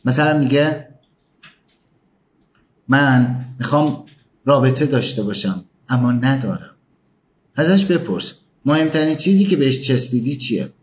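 A man's voice: mid-range voice, expressive, pauses often, slight background noise. Emphatic man giving a motivational talk. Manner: emphatic, questioning the listener. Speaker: motivational speaker.

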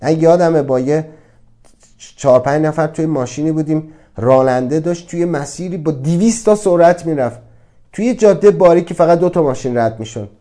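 A man's voice: fairly high pitch, warm tone. A man giving a motivational talk, earnest and reflective, asking many rhetorical questions. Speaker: speaker on self-acceptance.

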